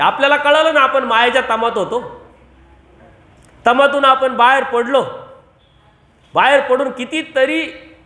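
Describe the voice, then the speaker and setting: A man's voice: high-pitched, fairly bright tone. A male Marathi preacher giving a devotional sermon, asking the audience rhetorical questions and repeating key phrases for emphasis. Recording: echoey room.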